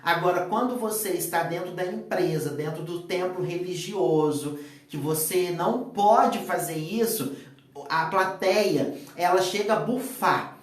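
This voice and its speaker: A man's voice: sits high, a little slow. A Brazilian man with a Brazilian Portuguese accent who mentors public speaking, hosting a live chat and drawing out key words for emphasis. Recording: very echoey room, far from the mic.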